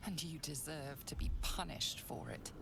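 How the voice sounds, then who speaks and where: An actress playing the brooding narrator of a dark fantasy game, breathy and gravelly, speaking in an ominous, drawn-out way that slips into whispers. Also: female voice, deep voice, background noise. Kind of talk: scripted narration.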